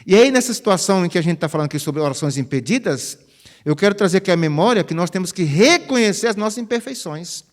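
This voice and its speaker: Lively São pastor in his fifties. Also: sits high, quick pace. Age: 50s. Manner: chatty, animated, peppers phrases with "né?". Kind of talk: conversational sermon. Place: church sanctuary. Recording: reverberant church hall.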